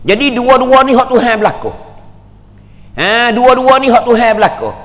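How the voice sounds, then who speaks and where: A man's voice: very high-pitched, lively intonation, moderate pace, a bit bright, long reverb tail. A man preaching a sermon, emphatic and repetitive, asking rhetorical questions. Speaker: religious teacher.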